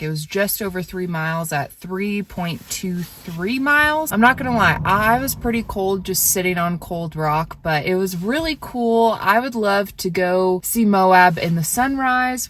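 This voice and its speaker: A woman vlogger narrating her outdoor adventure in a casual way. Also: fairly low pitch.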